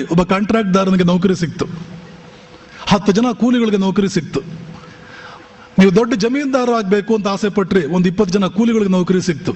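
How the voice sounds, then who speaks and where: A monk from the Bijapur region, giving an impassioned motivational sermon full of rhetorical questions. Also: male voice, sits high, darkish tone. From Bijapur region, Karnataka. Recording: long hall reverb.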